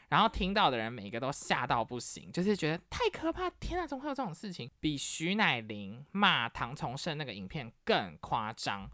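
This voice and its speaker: A woman's voice: extremely low pitch, no room sound, studio quality. A woman from Taiwan hosting a podcast, chatting casually through family stories and acting out each person's quoted voice. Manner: chatty, animated storytelling that acts out the quoted voices of family members. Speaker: podcast host. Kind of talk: casual storytelling monologue.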